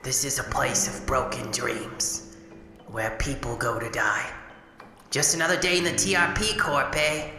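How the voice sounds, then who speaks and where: Woman voicing a low, echoey, battered boozy robot. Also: measured pace. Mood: world-weary, confiding. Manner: streetwise, crude, stammering. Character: battered old pleasure robot, boozy, crude, touchy, wistful. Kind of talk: video game character acting. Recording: echoey hall with music. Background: music.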